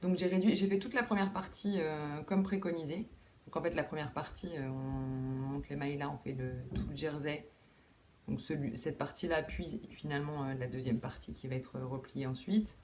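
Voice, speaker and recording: A woman's voice: low-pitched, fairly even intonation, moderate pace, a little mellow, a little hiss or hum. A young woman hosting a knitting video podcast from home, chatting casually with lots of fillers, restarts and self-deprecating asides. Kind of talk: casual chat. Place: home room with window.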